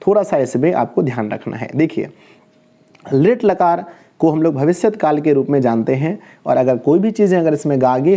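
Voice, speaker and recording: A man's voice: a little high, warm tone. A male Sanskrit teacher giving an online class lecture, reciting verb forms in rhythmic lists, quizzing his viewers and correcting his own slips as he goes.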